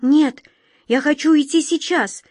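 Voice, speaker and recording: A woman reading aloud voices a timid little girl, anxious and pleading, close to tears. The voice is high and breathy with worry, recorded dry and close. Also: moderate pace, darkish tone, no room sound, close to an everyday voice. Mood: frightened.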